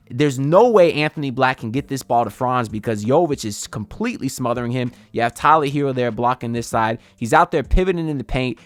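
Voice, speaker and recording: A man breaking down basketball game film in a casual voice-over, getting more excited as the plays build. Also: medium pitch, no echo, studio quality.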